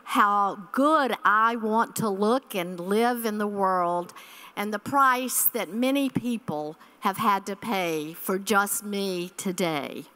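A woman's voice: medium pitch, slow, pushed and bright. A woman in her sixties giving an earnest keynote address at a church conference, speaking from a podium microphone on a hall stage and repeating key phrases.

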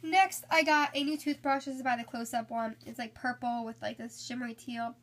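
Filming on a handheld phone indoors at home, a young haul vlogger shows her purchases laid out on a bed while slightly congested from a cold. She speaks briskly in a fairly high, fairly bright voice with fairly even intonation, upbeat and chatty with lots of fillers, over slight background noise.

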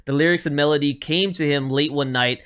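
A man hosting a music reaction, speaking excitedly and emotionally and ending almost every phrase with "man.". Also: fairly high pitch, brisk, clear, resonant tone. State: emotional, moved. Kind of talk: casual reaction commentary.

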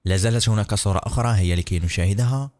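A young man giving excited, chatty commentary on a video game and talking to his viewers. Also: lowish voice, racing. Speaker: gaming YouTuber. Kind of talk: let's play commentary.

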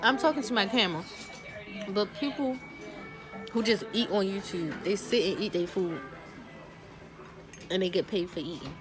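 Young woman, loose laughing vlog chat over loud background music. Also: mid-range voice, normal speed, pauses often. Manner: loose, laughing, swears freely, talks to camera. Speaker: vlogger. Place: restaurant, then car.

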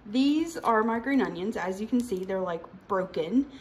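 In her home kitchen, a young woman walks viewers of her cooking channel through a grocery haul in a casual, rambling way with fillers and asides. Her mid-range voice is animated and a little mellow at a moderate pace, though the poor audio carries a slight hiss or hum.

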